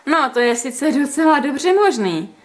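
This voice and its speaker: A woman doing a shrill, touchy young heroine. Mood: excited, prim. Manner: high, excitable, indignant. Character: lively, touchy young woman playing a game. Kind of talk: storybook reading.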